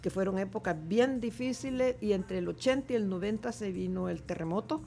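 A woman's voice: medium pitch, fairly quick, gravelly, mellow. A Salvadoran woman in her seventies, a guest artist chatting candidly in a radio studio interview. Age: 70s. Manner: candid, chatty, laughs easily. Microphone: studio microphone with headphones.

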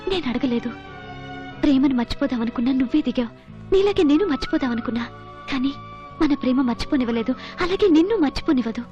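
A woman's voice: high voice, warm tone, lightly acted. An actress playing an earnest young woman who pleads with her lover, in dull film audio with music playing. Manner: pleading, heartfelt. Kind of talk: Telugu film romance acting.

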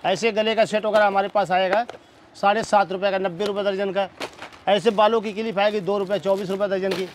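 Shop guy listing prices nonstop, quick and high-pitched, small cramped store. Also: slight background noise. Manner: reels off prices in a steady patter. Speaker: wholesale shopkeeper. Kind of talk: rapid sales price listing. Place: small crowded cosmetics shop, indoors.

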